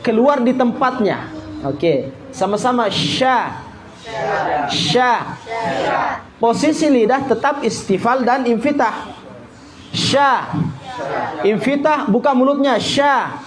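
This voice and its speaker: A male Quran teacher from Indonesia running a tajwid lesson, repeating syllables and chanting verses slowly for students to copy. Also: very high-pitched, low-quality recording. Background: group of students in the room.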